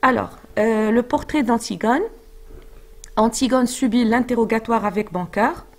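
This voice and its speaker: Woman teacher, explanatory, fairly high voice, hesitant. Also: a little slow, darkish tone. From Morocco. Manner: explanatory, checks with frequent "d'accord?"; hesitant, with fillers and restarts. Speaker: French teacher. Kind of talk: explaining a literary text.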